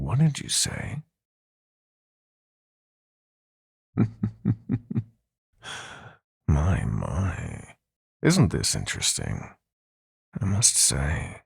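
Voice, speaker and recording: In a dramatic audio roleplay, a man voices a sadistic, possessive god of nightmares using a rumbling, gravelly, breathy growl. His exaggerated delivery is slow, taunting, and theatrical, full of mocking delight.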